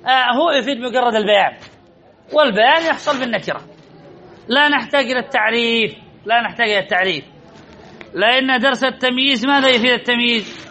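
A man's voice: very high voice, fast, bright, forceful tone, slight background noise. A man teaching a grammar lesson, asking his students questions and answering them himself, repeating the key points. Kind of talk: classroom lesson. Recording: dull lo-fi recording.

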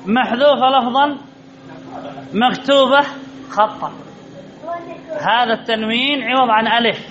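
A man's voice: extremely high pitch, bright, forceful tone. A man teaching a grammar lesson to a class, asking questions and repeating the answers over and over. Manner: drills points by asking students questions, then repeats the answers. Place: classroom with students. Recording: dull lo-fi recording with faint background noise.

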